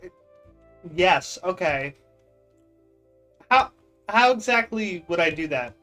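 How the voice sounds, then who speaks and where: A man's voice: high-pitched, expressive, takes it slowly, pushed and bright, soft background music. A young man playing a block-building game and chatting casually, rambling and incredulous as he teases his chat. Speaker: gaming streamer. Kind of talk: casual gaming commentary.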